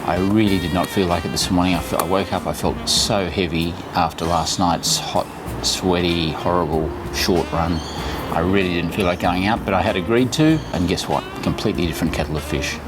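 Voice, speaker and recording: Older guy in his 60s, pretty low voice, chatty vlog advice, music behind him. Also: brisk, hardly any pauses. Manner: chatty, instructive, reassuring. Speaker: running vlogger giving tips. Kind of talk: casual vlog to camera.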